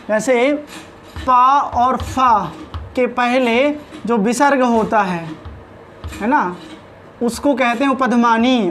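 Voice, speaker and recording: Male teacher, unhurried lesson delivery, enunciates every sound, faint room ambience. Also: very high voice, a little hiss or hum. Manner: slow and deliberate, sounding out each letter. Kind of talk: spoken lesson on pronunciation.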